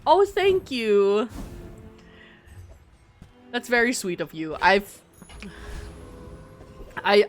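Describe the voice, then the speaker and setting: Game music plays behind a very animated woman with a medium-pitched voice who draws out her words and pauses often. She speaks middle-class Filipino English and is from the Philippines. While gaming she chatters casually and playfully to viewers, cutting herself off often.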